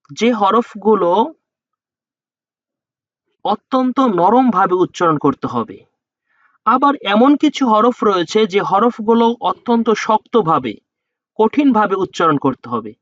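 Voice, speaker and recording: In a slow, letter-by-letter Quran pronunciation lesson, a man with a high, fairly bright voice patiently describes how each letter is shaped. He voices every letter two or three times, and the recording is dry and dull.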